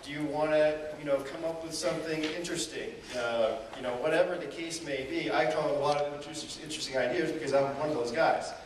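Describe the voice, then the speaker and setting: A motivational speaker with a slightly high, fairly even voice gives an energetic live seminar talk in an event hall, telling stories and asking the audience rhetorical questions. He talks fast with hardly any pauses. He's recorded from far off in an echoey room, with faint noise.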